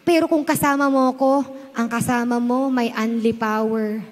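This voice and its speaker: A woman's voice: a little high, fairly even intonation, normal speed, big-room sound. A Filipino woman pastor preaching a sermon, emphatic and moving between Tagalog and English.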